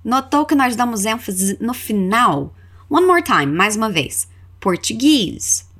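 A woman with a lively, high-ish voice gives an English lesson for Portuguese speakers. Her explanations run quickly, while her model phrases come slow and stretched out for learners to repeat. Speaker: English teacher.

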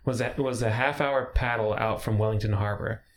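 A man's voice: lowish voice, fairly even intonation, fairly quick, slight background noise. Laid-back man hosting a casual podcast. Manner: laid-back, swears casually, laughs often. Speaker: podcast host. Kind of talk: casual chat.

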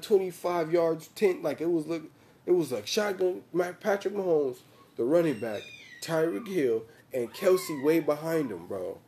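A young American man with a soft-edged, mellow tone chats casually like a frat bro. His talk is heavy with slang and swearing, and he hammers his points home by repeating them. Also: on the high side. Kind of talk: casual chat about football tactics.

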